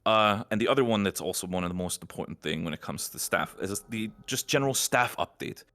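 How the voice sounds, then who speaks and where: Low-voiced man giving a rambling update. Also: lively intonation, brisk, pushed and bright. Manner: rambling, reassuring explainer. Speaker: admin team member. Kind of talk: podcast status update.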